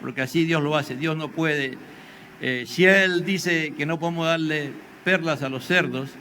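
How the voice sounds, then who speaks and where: An older man preaches with a Peruvian Spanish accent, his voice bright and forceful and pitched somewhat high. He talks to the congregation conversationally, tagging questions onto his points. Faint noise sits under the recording. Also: measured pace. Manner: conversational preaching with frequent rhetorical "¿no?"; acts out biblical dialogue in raised voice. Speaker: pastor. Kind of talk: sermon.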